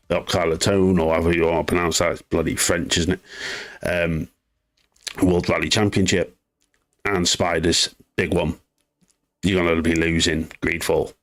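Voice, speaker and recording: A man with a very deep, low voice talks loosely through gaming news on a live stream. He wanders into asides and reads out messages from chat as he goes. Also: a bit bright. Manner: chatty, reads chat aloud, rambling asides. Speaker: gaming news livestream host. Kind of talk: casual live-stream commentary.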